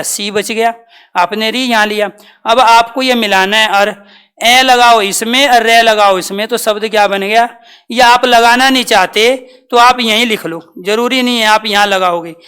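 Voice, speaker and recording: A woman teaching a grammar lesson. She patiently asks her students questions, answers them herself and repeats key terms slowly. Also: a little high, a bit bright, clean tone.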